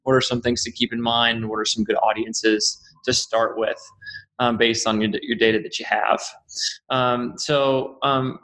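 A man co-hosting a podcast, chatting casually with lots of fillers and jokey jumps in pitch. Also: little pitch movement, measured pace, pushed and bright. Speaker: podcast co-host. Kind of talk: casual chat leading into a product discussion.

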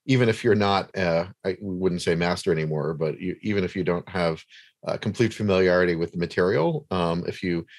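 A man's voice: sits low, brisk, no echo. A man hosting a casual interview, talking in a rambling way with many fillers and restarts. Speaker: podcast host interviewing a guest.

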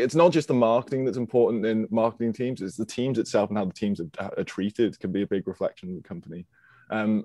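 A male podcast host with a low-pitched voice asks long, meandering questions. He stumbles and restarts often, and the sound is dry and close, with little room echo. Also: warm tone. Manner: hesitant, many fillers and restarts. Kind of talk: interview question.

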